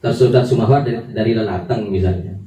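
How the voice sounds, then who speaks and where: A man's voice: on the low side, fast, mellow, lo-fi sound, a little hiss or hum. A man preaching a casual sermon, chatty and informal, asking questions and answering them himself. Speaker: Islamic preacher. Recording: roomy, distant mic with faint ambience.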